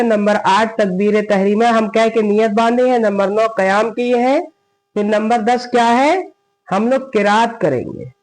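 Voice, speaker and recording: A man teaching a step-by-step prayer lesson, asking and answering his own questions and reciting prayer phrases slowly. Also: high voice, low-quality recording. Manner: asks and answers his own questions, frequent "theek hai" checks. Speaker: religious teacher.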